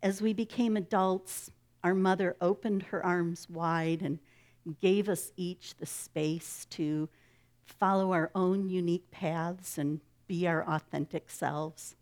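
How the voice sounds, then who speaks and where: Slow, soft-spoken woman reading aloud. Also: on the low side, fairly even intonation. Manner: slow, gentle storytelling with soft, hushed dialogue. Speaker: guest speaker at a church service. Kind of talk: reading a story aloud, then a personal talk.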